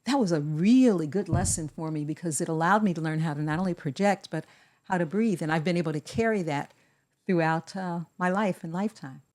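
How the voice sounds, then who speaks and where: In a relaxed, casual conversation, a woman co-hosting a podcast speaks with a slightly low voice. Her manner is measured and deliberate as she lays out advice step by step.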